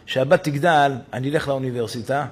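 A man giving voice to a worried elderly father who tells his story in a plain, rambling way, with a husky voice. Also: medium pitch, steady tone, close to an everyday voice. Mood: explaining.

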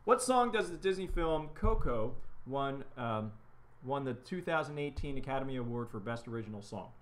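A middle-aged man with an expressive, mid-range voice co-hosts a casual live stream at a moderate pace, delivering corny jokes and reading trivia questions aloud. He's recorded indoors on a desk webcam in a small shop room with a framed display on the wall.

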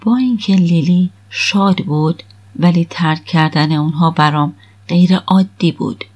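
Husky woman narrating an audiobook. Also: deep voice, steady tone, darkish tone. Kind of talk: first-person audiobook narration.

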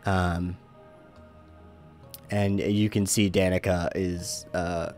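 A man narrating as game master in a relaxed, rambling way. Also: deep voice, extremely slow, soft background music. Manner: relaxed, filler-laden.

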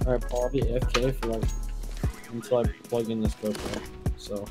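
A man's voice: mid-range voice, little pitch movement, brisk, music in the background. A teenage boy chatting casually while playing a shooter game, goofy and prone to bursts of laughter. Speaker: gamer. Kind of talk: casual gaming chat.

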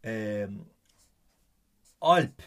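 Speaking extremely slowly in a low, smooth voice, a man gives a comedic chemistry lesson. He is animated and teasing, lavishing praise on his student and repeating the student's name over and over.

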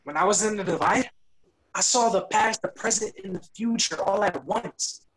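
Young man as earnest, gentle Solomon. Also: sits high, moderate pace, low-quality recording. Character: Solomon, calm peacemaking young man who has seen visions. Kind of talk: amateur videoplay acting. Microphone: video call.

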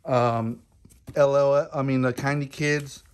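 Recording on a handheld phone at arm's length in his Houston, Texas garage during a thunderstorm, a man in his thirties or forties hosts a casual vlog for his toy reselling channel, showing off clearance finds. His medium-pitched, steady voice comes out halting and unscripted. Rain, thunder and clicks sit in the background, with noise ranging from faint to clear.

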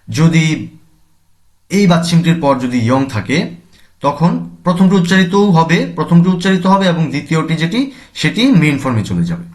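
A man teaching a language class, explaining grammar step by step and answering his own questions. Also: on the high side.

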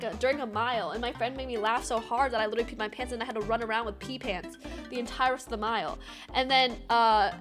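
A woman's voice: high-pitched, a bit bright. A woman streamer chatting casually to her viewers, rambling and giggly with lots of fillers.

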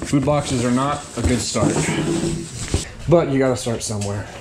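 A man with a mid-range voice, speaking at a normal speed, narrates a casual vlog as he digs through boxes he's reselling from storage units, thinking aloud with wry asides. He films on a head-mounted action camera in an indoor self-storage hallway with metal walls, and the noisy audio carries crinkling and rustling in the background.

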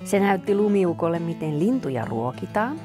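A woman reading a children's picture book aloud in a gentle, animated storytelling manner. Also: fairly low pitch, music in the background.

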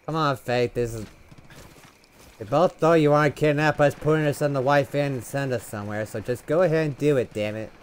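A man's voice: mid-range voice, a little fast, clean tone. A man recording a co-op game session, joking and sarcastic while he plays. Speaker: gamer recording a co-op let's play. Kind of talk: casual gameplay commentary.

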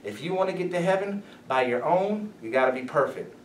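Animated pastor preaching, echoey room. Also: male voice, on the high side, fairly quick, slight background noise. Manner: animated, emphatic, asks the listeners questions. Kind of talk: sermon, Bible study teaching. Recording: echoey room, mic at a distance.

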